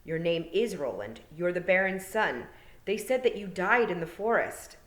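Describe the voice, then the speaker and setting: A woman's voice: fairly low pitch, lively intonation, normal speed, reverberant, close to an everyday voice. A woman voicing a brave, stubborn young girl heroine, earnest and determined.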